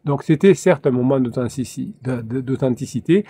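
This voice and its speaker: A man's voice: medium pitch, moderate pace, warm tone, breathy edge. A man giving a solo coaching talk on relationships, speaking hesitantly with frequent fillers and restarts.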